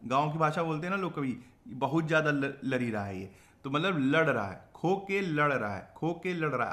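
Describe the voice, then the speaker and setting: A young man teaching an exam-prep vocabulary lesson, explaining memory tricks, asking rhetorical questions and reading example sentences slowly. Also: a little high, sharp tone.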